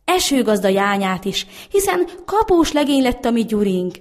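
A woman's voice: a little high, very animated, pitched above the performer's own voice. Coaxing older country mother read by a woman, storybook peacemaker. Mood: soothing. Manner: soothing, coaxing.

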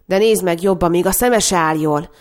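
A woman's voice: lowish voice, lightly acted. A woman reading a bitter, blunt brother. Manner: harsh, curt.

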